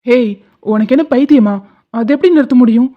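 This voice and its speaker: A woman's voice: fairly high pitch, brisk, lo-fi sound, lightly acted. A woman voicing a remorseful young lover. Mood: defiant. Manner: earnest, remorseful. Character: heartbroken young man in love, guilty.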